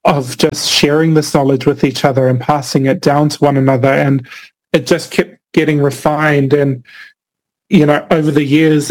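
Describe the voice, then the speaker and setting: A man's voice: fairly high pitch, rough recording. A young man from the Cook Islands, a filmmaker answering interview questions in a thoughtful way, with many fillers and restarts. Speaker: filmmaker guest.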